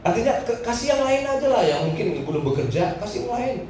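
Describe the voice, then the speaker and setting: A man's voice: sits high, big pitch swings, normal speed, darkish tone, slight background noise. A man preaching a sermon to a congregation, telling a personal story and laughing between phrases. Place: church hall. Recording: echoey hall, voice from a distance.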